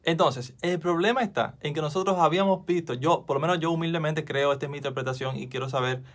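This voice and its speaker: This is a fast-talking man with a slightly high voice, recording a relaxed devotional lesson to camera from his home. Holding his phone, he teaches from the Bible in an earnest, conversational way, restarting lines and questioning his audience along the way.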